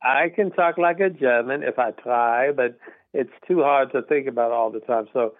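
On a radio call-in show, a middle-aged man from Texas talks at a moderate pace in a mid-range voice, earnest and emphatic but meandering. The telephone audio is tinny and dry, with no echo.

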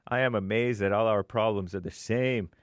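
A man's voice: on the low side, fairly even intonation, normal speed, no echo, clean studio sound. A man co-hosting a show, reading viewer messages aloud in a plain, matter-of-fact way with small asides.

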